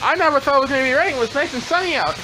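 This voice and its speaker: A young man chatting casually for an outdoor vlog, excitable and exclamatory, with plenty of swearing. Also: very high-pitched, very fast. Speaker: vlogger. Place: outdoors in a rainstorm. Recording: noisy outdoor rain and traffic ambience.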